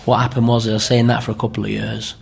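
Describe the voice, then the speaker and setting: A middle-aged Greater Manchester man, an amateur pantomime performer, rambles through an interview and keeps checking in with tag questions. His voice sits on the low side and sounds gravelly, with a completely flat delivery at a quick pace.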